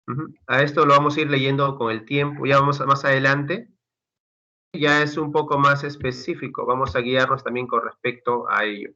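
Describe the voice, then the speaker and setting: This lecturer's mid-range voice is bright and forceful as he teaches an online university class, casually walking through course materials with frequent fillers and addressing students as "chicos." The sound comes from a computer mic on a video call and is dull and lo-fi.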